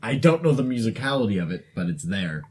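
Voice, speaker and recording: A man hosting a podcast, tipsy from drinking, whose sentences trail off low as he chats and reads facts aloud. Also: big pitch swings, fast, darkish tone. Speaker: podcast host. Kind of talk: casual drunken banter.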